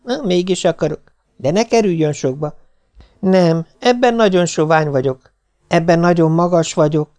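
A man's voice: fairly high pitch, darkish tone, smooth, pitched above the performer's own voice, close to an everyday voice. A man voicing a moody, anxious sixteen-year-old girl who keeps changing her mind, in an audiobook reading. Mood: fretful. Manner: flustered, flip-flopping, sobbing.

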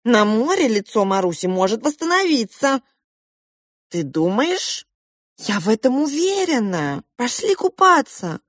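A firm mother who snaps back sharply and won't be argued with, her voice pitched a little higher than the reader's own, as a woman acts her out. The voice is husky and breathy, and the recording is dry and close. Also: very animated, a little slow, no room sound. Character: firm, protective mother of a girl.

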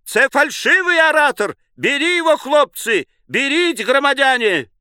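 A man voicing a frantic man with a thin high tenor in a storybook reading. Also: animated, moderate pace, sharp tone, dry recording, clean studio sound, heavily acted. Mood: shouting. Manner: frantic, wailing.

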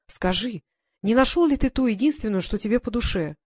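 A woman reading an audiobook, voicing a fond, worried widowed baroness questioning her grown son in a gentle, motherly way. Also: a little high, expressive, a little fast, no echo. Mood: tender.

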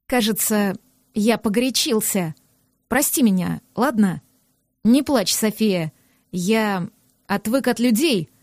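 A gruff, reclusive man speaks in a low, hushed, soothing voice, as a woman reading the audiobook puts him on. The recording is dry and close. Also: no room sound. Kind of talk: audiobook character voice.

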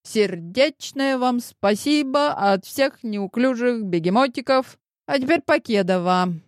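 A woman's voice: on the high side, expressive, a little slow, dry recording, studio quality, voice pushed up. A woman reading an audiobook and voicing a brash, sarcastic secretary in her forties with a cheeky, theatrical manner.

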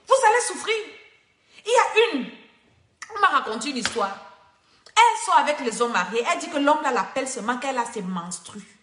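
High, bright-voiced woman preaching. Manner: emphatic, scolding, repeats phrases for force. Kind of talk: preaching exhortation. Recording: echoey room.

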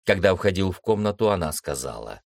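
A man reads a novel aloud in a deep, low register, his pitch rising and falling freely as he shifts tone for each character. The recording is dry and close to the mic, with no room sound. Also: big pitch swings, fairly quick, vocal fry, no room sound. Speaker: audiobook narrator. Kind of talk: scripted audiobook narration.

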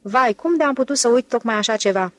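A woman's voice: a little high, animated, no room sound, lightly acted. A woman reading an eager young museum director. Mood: surprised. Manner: eager, talkative, boastful about progress. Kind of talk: audiobook character voice.

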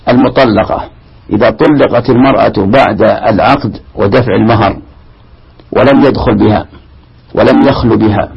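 Older-sounding sheikh type, super gravelly and husky, stops and restarts a lot, muffled lo-fi recording. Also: male voice, fairly low pitch. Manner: halting, repeats and restarts while explaining. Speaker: sheikh explaining Quran commentary. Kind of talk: classical Arabic lesson, explaining text.

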